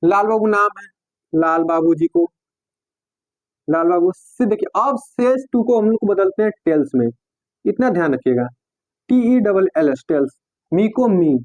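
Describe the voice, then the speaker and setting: A man teaching English grammar in Hindi. He talks slowly, dictates example sentences word by word, and spells out letters. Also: high voice, lively intonation, a little mellow, no echo, muffled recording. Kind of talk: classroom lesson.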